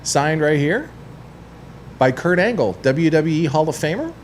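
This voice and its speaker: A man's voice: a little high, sing-song, a little slow, slight background noise. A man who runs a sports collectibles store, talking on a radio show in a studio, chatty and rambling with lots of fillers. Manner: chatty, rambling, heavy on fillers like "you know" and "uh". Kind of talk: casual radio chat.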